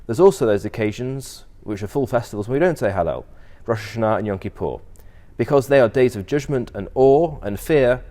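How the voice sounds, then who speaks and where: A man, a rabbi, giving a measured explanatory religious talk, posing questions and then answering them. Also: fairly low pitch, mellow. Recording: long reverberant hall echo.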